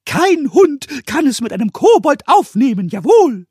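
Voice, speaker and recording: A man voicing a cheeky little male kobold with a squeaky, childlike, indignant voice. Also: sing-song, unhurried, darkish tone, no room sound, studio quality, full character voice.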